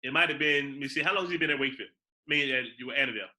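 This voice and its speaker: A man co-hosting a casual chat as a basketball coach, teasing and animated, often stammering as he restarts. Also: medium pitch, rapid-fire, rough recording.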